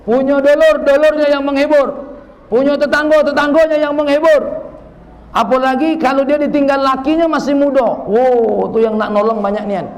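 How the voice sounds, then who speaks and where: A man preacher with a South Sumatran Malay accent, giving a sermon and teasing his audience with jokes. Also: very high-pitched.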